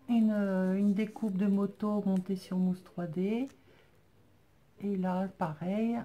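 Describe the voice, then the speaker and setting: Slow, mellow-voiced woman chatting crafts. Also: medium pitch. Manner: chatty, thankful, many hesitations. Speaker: crafting vlogger. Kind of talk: casual chat unboxing craft mail.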